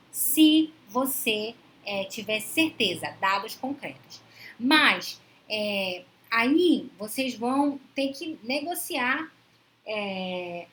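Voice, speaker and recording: A woman's voice: mid-range voice, fairly bright tone. Female psychologist, live-stream host; conversational, voices quoted couples, faint background hiss. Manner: conversational, acts out quoted dialogues in shifting tones. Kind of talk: casual live-stream talk to viewers.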